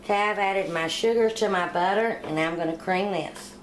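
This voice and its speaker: A woman's voice: medium pitch, a little fast, very noisy. A middle-aged woman hosting a home cooking channel, talking plainly step by step through a recipe in her kitchen. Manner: homey, plain-spoken, step-by-step. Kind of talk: casual cooking demonstration voice-over.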